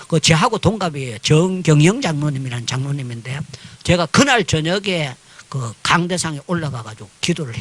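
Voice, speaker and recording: An older man, a pastor and missionary, telling a testimony in a sermon on prayer and acting out the voices of people in his story. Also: on the high side. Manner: animated storytelling, crying out in prayer, acting out dialogue.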